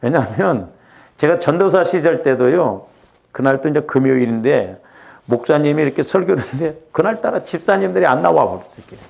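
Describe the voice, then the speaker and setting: A man's voice: a little high, expressive, a little fast, gravelly, a little mellow, muffled recording. A middle-aged male pastor giving a conversational sermon, often checking in with the congregation. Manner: conversational preaching with rhetorical checks.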